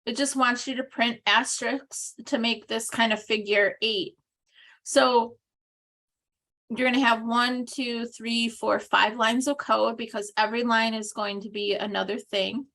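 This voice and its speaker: A woman teaching a class over a video call, her voice a bit high with a gravelly edge. She talks slowly, walking through each step and pausing on ums and restarts. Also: fairly even intonation, pushed and bright. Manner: slow, explanatory, with many ums and restarts. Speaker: instructor. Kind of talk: recorded online class walkthrough.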